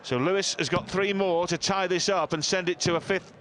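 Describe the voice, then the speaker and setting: A man's voice: high-pitched, steady tone, fairly quick, fairly bright tone. A man giving live darts commentary on a match. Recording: clear arena noise behind.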